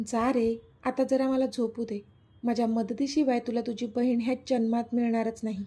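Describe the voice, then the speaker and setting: A woman's voice: fairly high pitch, little pitch movement, normal speed, dark tone, husky. A woman voicing a cruel, mocking male villain who taunts and sneers, in a storybook reading. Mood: sneering.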